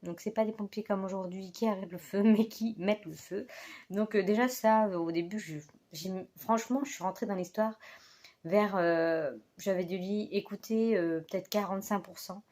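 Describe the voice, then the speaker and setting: A woman chats casually as a book vlogger, speaking into a phone. She talks in a hesitant, meandering way, full of fillers and quick self-corrections. Her voice sits at an ordinary middle pitch. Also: steady tone, warm tone. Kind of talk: casual chat. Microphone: phone held in hand.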